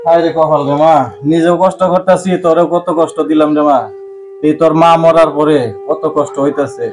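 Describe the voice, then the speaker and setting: Male actor as a struggling village father, mournful, slightly high voice. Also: flat delivery, brisk, a little mellow, close to an everyday voice. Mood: lamenting. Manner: lamenting, pleading to God. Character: poor widowed laborer father, weary. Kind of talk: amateur village drama acting.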